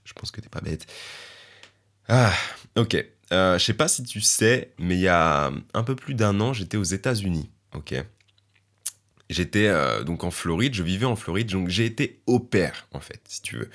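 Young male podcast host, low-ish voice, loose rambling chat full of fillers. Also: a bit bright. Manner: chatty, rambling, many fillers and restarts. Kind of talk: casual solo podcast monologue.

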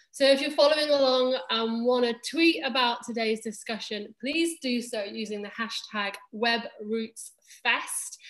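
A woman journalist hosting a live online interview. Her voice is slightly higher and her questions are friendly and loose, dotted with a casual "like". The room around her sounds echoey. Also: a bit bright. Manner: friendly, conversational questions with frequent "like". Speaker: journalist interviewer, event host. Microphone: video call.

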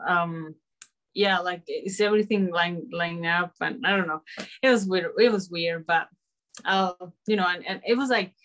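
A young woman fighter answering interview questions in a halting, hesitant way with many restarts. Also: lowish voice, fairly bright tone. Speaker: mixed martial arts fighter.

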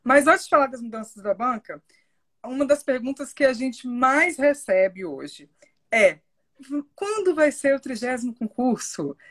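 Slightly husky, high-voiced Brazilian woman hosting. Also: animated, a little slow, fairly bright tone. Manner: informal, conversational. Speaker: interviewer, host. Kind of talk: casual live interview chat.

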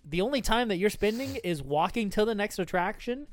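A podcast co-host in casual chat, laid-back and halting, often restarting phrases and saying "dude.". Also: medium pitch, lively intonation, soft background music.

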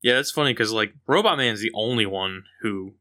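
A man co-hosting a casual comic book podcast, chiming in with quick asides. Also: on the low side, lively intonation, pushed and bright. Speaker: podcast co-host.

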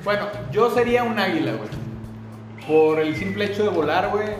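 A man's voice: high voice, expressive, a little fast. A man with a Mexican accent chatting casually with friends in teasing, slangy frat-bro talk. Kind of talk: casual group banter. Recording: echoey room, music playing underneath.

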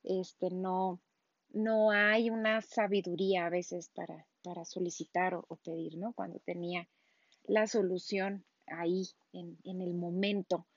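A woman's voice: fairly low pitch, level tone, unhurried, no echo, highs cut off. A woman gives a casual sermon, talking conversationally and often checking in with the listener. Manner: conversational, frequent tag questions and restarts. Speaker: preacher.

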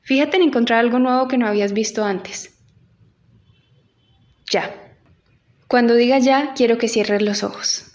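A woman's voice: a little high, a little slow, long pauses, a little mellow. A woman giving an instructional audio lesson as an acting teacher, speaking directly to the listener and guiding them through an exercise. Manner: addresses listener directly with instructions and reflective questions.

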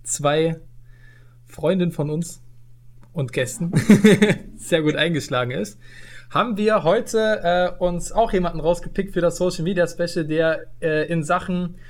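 A man's voice: a little high, fairly even intonation, a little slow. A young man co-hosting a casual podcast, talking loosely with many fillers and frequent laughs. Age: young adult. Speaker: podcast co-host.

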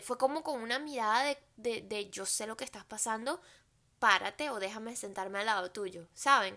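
Woman vlogger telling her story, animated, talks to the viewers, kinda high bright voice. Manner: animated, addresses viewers directly. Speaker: vlogger sharing a faith testimony. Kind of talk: casual personal storytelling.

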